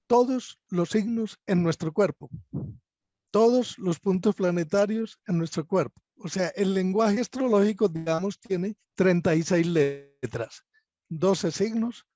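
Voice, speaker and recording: A Colombian man with a high-pitched voice explains his subject in a measured, lecturing way, now and then stumbling over a restart. The sound is dull and muffled, with a very dry, close feel. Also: mellow, no echo. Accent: Colombian Spanish. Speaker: astrologer guest. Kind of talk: explanatory interview answers.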